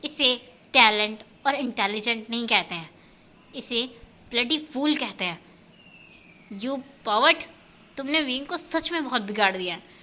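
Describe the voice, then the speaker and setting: A woman's voice: fairly high pitch, lively intonation, a little slow, pauses often, pushed and bright. A woman reading as a stern scolding young husband. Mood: exasperated. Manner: scolding and exasperated.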